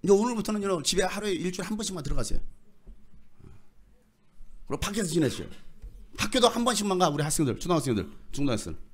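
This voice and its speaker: A man preaching a sermon as pastor of his church, colloquial and animated, firing rhetorical questions at the congregation and playfully acting out quotes and voices. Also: high-pitched, racing, pauses often. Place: church sanctuary.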